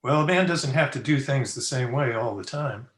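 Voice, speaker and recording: An actor playing a crusty, teasing frontier town doctor in an old-time Western radio play, with dry, folksy banter. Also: male voice, medium pitch, normal speed, a bit bright, natural voice. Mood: wry, teasing. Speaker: actor in an amateur radio drama. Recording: roomy, echoey video-call recording.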